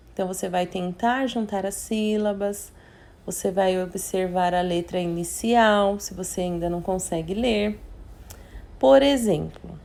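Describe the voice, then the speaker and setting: Woman, teacher, patient, slow, sounding out syllables, mid pitch. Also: warm tone. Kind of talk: remote literacy lesson for young children.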